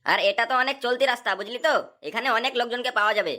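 Lady doing a brash cartoon rich kid, high and bright. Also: racing. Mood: pushy. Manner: brash and pushy. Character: cocky young man, the chief's son.

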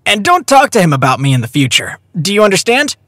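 A man voices a calm young hero in a storybook, gentle yet firm, with a lively rise and fall. The recording is dry and close. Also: high voice, fast, dry recording, heavily acted. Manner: kind but firm.

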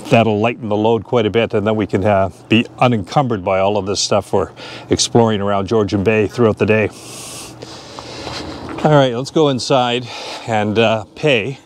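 This is a man in his fifties vlogging casually outside at a boat launch and gas station, narrating in a chatty, joking manner through a lapel mic on his shirt. He speaks at a moderate pace in a lowish voice with fairly even intonation, and a little hiss or hum is audible.

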